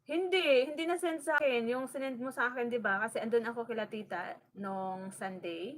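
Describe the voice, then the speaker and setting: A woman from the Bicol region of the Philippines hosts a casual farm-vlog livestream from a rural home in the province, greeting viewers by name while fussing with her audio setup. Her voice is on the high side at a moderate pace.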